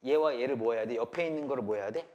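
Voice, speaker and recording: A man's voice: medium pitch, quick pace, a little mellow. A man teaching a live math class, asking constant rhetorical questions and checking that students follow, blunt and casual. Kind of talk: classroom lecture.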